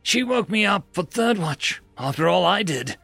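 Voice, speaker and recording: A man's voice: high-pitched, expressive, moderate pace, creaky, sharp tone, no room sound, soft background music, voice pushed up, heavily acted. A man voicing a hungover young alien pilot who grumbles and answers offhandedly. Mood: grumbling.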